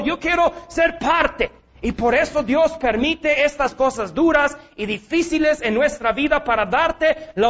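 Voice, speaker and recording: A man preaching a sermon, emphatic, moving between quiet and shouted lines. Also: extremely high pitch, dull audio.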